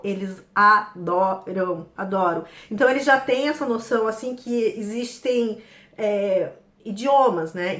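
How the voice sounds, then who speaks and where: A mother from Brazil with a Paraná accent, chatting casually about her family, laughing often. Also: on the high side. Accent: Paraná Brazilian Portuguese. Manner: lively, laughs often, quotes family dialogue. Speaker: interview guest, mother. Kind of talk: casual chat. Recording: echoey room.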